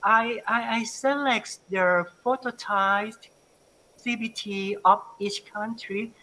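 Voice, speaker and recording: A man from northeastern Thailand with a Thai accent, a university lecturer presenting his research and answering questions on a video call, halting and repeating words as he searches for them. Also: high-pitched, fairly even intonation, sharp tone, slight background noise, rough recording. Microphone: video call webcam.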